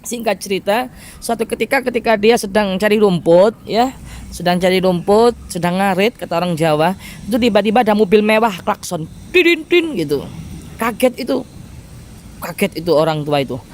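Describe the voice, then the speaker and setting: A man who preaches in a lively storytelling style and often addresses his congregation directly. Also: sits high, brisk, a little hiss or hum. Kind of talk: storytelling sermon.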